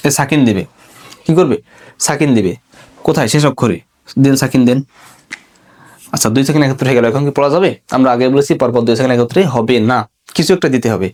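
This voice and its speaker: In a recorded online video lesson on grammar, a man with a medium-pitched, slightly mellow voice explains things step by step, posing questions and answering them himself.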